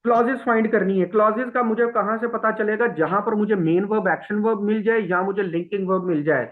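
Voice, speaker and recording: A man teaching an English test class, explaining slowly and repeating words for students to copy. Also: high-pitched. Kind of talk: classroom lecture. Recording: phone-like thin sound.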